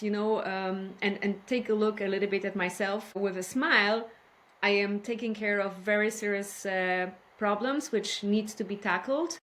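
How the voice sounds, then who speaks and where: Woman guest, measured and careful. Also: mid-range voice. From Poland. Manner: careful, measured, with many fillers. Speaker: podcast guest, healthcare innovation expert. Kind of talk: casual interview talk.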